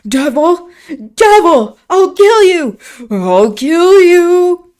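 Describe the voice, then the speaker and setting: A woman's voice: very high-pitched, sing-song, extremely slow, darkish tone, pitched above the performer's own voice, exaggerated voice. A woman voicing a frail, sickly young man in a powerless fury, shrieking his threats. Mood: frantic.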